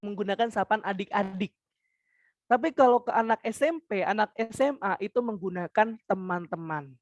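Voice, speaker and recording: Young woman running a public speaking webinar, animated, keeps asking the audience stuff, medium pitch, dry close sound. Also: normal speed, no echo. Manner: animated, addresses listeners directly with questions; demonstrates intonation by singing scales. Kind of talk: webinar talk.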